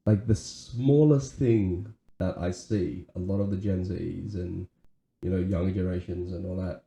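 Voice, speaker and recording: Low dark-voiced man, echoey room. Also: steady tone, a little slow, gravelly. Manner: earnest, many restarts and "right?" tags. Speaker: podcast co-host. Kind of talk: casual chat.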